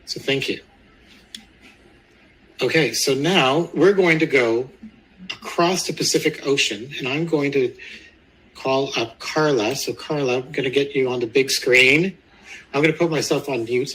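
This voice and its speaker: A man's voice: medium pitch, a little slow, fairly bright tone, slight background noise, poor audio. A man hosting a motivational webinar, talking emphatically and repeating phrases for weight. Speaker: webinar host.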